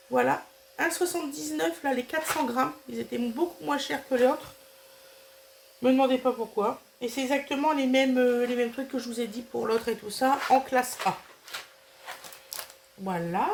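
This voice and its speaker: A woman's voice: sits high, vocal fry, a little hiss or hum. A middle-aged woman with a cold, talking through her nose as she casually shows off her grocery haul, chatty and hesitant with lots of fillers. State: nasal, has a cold. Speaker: vlogger showing a grocery haul.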